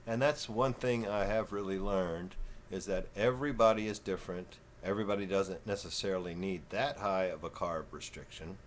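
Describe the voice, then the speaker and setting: A man in his fifties with a Texan southern twang, talking slow and folksy in a rambling, casual vlog. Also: low voice, a little hiss or hum. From Texas. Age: 50s. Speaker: vlogger.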